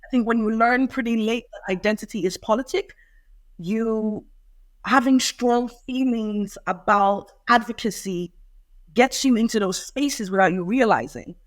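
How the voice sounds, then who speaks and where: A young Irish woman, a poet, answers interview questions thoughtfully and reflectively. Her slightly high voice is unhurried, and the recording is dry.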